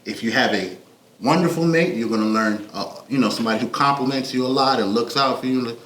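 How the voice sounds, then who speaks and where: Chill guy on a podcast thinking out loud, kinda rambly, room echo. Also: mid-range voice, a little fast. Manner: laid-back, reflective, talks in loose run-on thoughts. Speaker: podcast co-host. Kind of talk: casual podcast chat. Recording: echoey room with faint background noise.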